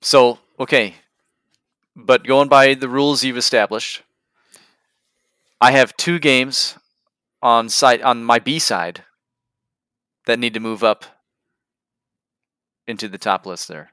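A man's voice: mid-range voice, slow, long pauses, pushed and bright, clear, resonant tone, no room sound, clean studio sound. A man co-hosting a casual gaming podcast, eager and building up to a story of his own.

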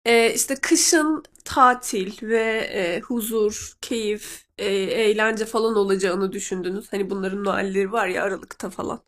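A woman from Turkey, sick with a cold, hosts a casual chat with her listeners and translates a clip aloud. Her mid-range voice sounds nasal and congested yet fairly bright, and she speaks at a measured pace with hardly any pauses.

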